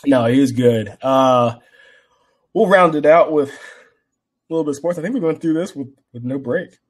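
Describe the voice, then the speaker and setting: A young man co-hosting a podcast, chatting casually and acting out bits of stories with lively swings in voice. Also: medium pitch, normal speed, slightly rough. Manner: animated storytelling, acts out quotes. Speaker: podcast co-host. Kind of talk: casual chat.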